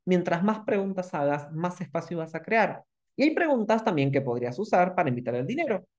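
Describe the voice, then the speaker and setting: A man with a Rioplatense Spanish accent teaches an online masterclass, animated and repeating questions with emphasis. His voice sits high and his pace is brisk.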